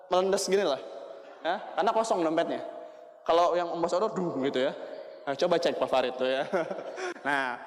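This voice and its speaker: A man giving a motivational seminar talk. He speaks in a lively, joking way and keeps asking the audience questions. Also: high-pitched. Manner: lively, jokey, asks the crowd questions. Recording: long hall reverb.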